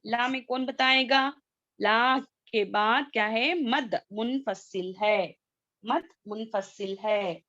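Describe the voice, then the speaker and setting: A woman teaching Quran recitation in an online class, asking students questions and slowly drilling sounds. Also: a little high, a bit bright, no echo. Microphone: video call. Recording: dull lo-fi video call audio.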